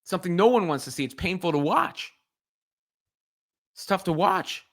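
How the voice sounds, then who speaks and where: A man's voice: sits high, expressive, normal speed, a bit bright. A man giving solo sports reaction commentary in an earnest way, often restarting his phrases as he thinks.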